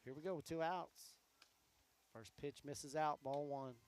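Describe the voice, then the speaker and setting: A man calling high school softball play-by-play, easygoing and chatty between pitches, his voice going hoarse. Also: fairly even intonation, a little slow. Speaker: play-by-play announcer.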